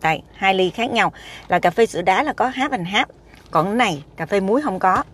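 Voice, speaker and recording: A woman's voice: medium pitch, lively intonation, fairly quick, slight background noise. A woman, chatting emphatically to a dashboard camera while sitting in a parked car. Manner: chatty, emphatic, repeats "các bạn". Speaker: food vlogger. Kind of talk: casual chat to camera.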